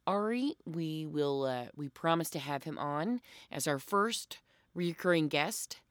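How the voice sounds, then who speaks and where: A woman's voice: low-pitched, lively intonation, measured pace, no room sound, clean studio sound. A woman co-hosting a podcast in a casual, self-deprecating, chatty way. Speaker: podcast co-host.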